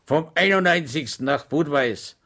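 A man voicing a good-natured, stubborn simple soldier who speaks in a calm, earnest, dignified way. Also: fairly high pitch, measured pace, vocal fry, pitched above the performer's own voice, heavily acted.

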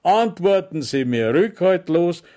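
A man voicing a friendly but cunning village police sergeant who talks in a smooth, mockingly polite way. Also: high-pitched, expressive, measured pace, dark tone, voice pushed up. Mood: coaxing.

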